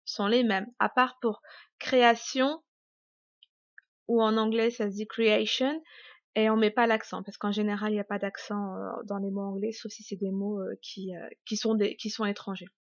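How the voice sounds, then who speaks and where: A woman teaching an online lesson, chatty and full of fillers and restarts, slowly exaggerating the stress on example words. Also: mid-range voice, flat delivery, no echo, muffled recording. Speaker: English teacher. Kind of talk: YouTube pronunciation lesson.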